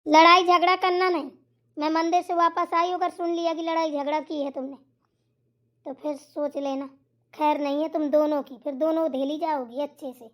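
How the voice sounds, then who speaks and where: A woman voicing a stern older mother-in-law in a cartoon, scolding and lecturing slowly. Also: sits high, fairly even intonation, a bit bright.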